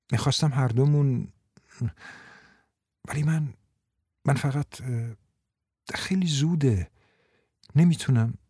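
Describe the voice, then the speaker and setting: A man's voice: medium pitch, dark tone, breathy edge, dry recording, clean studio sound, natural voice. Man voicing a flustered shy young woman. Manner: nervous, stumbling, apologetic.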